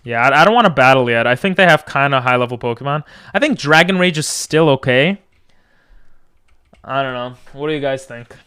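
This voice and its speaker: Clear-voiced young-sounding male game streamer. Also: medium pitch, expressive, fairly quick, sharp tone. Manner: reacts to chat, thanks viewers, drifts between asides. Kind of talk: casual livestream gaming chat.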